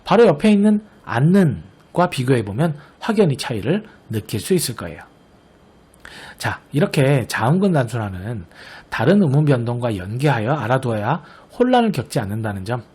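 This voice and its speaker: Husky-voiced man teaching a lesson. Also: mid-range voice, darkish tone. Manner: patient, explanatory, often checks understanding with the class; slowly sounds out example words to model pronunciation. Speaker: Korean language teacher. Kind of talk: recorded online grammar lesson.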